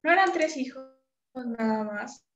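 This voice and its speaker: A woman's voice: sits high, lively intonation, a little slow, lo-fi sound. A woman student calling out to her teacher and asking a question over a choppy call connection that keeps breaking up. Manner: calling out repeatedly for attention. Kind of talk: asking a question in an online class.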